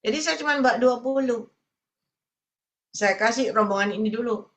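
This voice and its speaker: High bright-voiced woman preaching. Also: normal speed. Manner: storytelling, addresses congregation as brothers and sisters. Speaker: evangelist preacher. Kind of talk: sermon.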